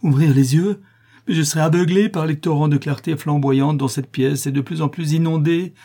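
A man voicing a delirious, tormented notary who cries out in shrill frenzy. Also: normal speed, warm tone, slightly rough. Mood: anguished. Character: delirious raving male notary, tormented and feverish. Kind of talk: audiobook character reading.

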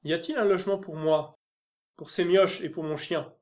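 A man's voice: fairly high pitch, normal speed, natural voice. A man doing a kind old soldier. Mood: firm. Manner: gentle, steady and firm. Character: kind gruff former soldier, grown man. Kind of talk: audiobook character reading.

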